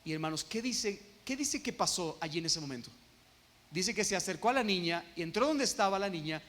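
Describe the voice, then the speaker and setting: A man with a Guatemalan Spanish accent preaching an expository sermon as pastor, emphatic and slowing down on key phrases. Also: high voice, lively intonation, a bit bright. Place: church sanctuary. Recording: long reverb of a church hall.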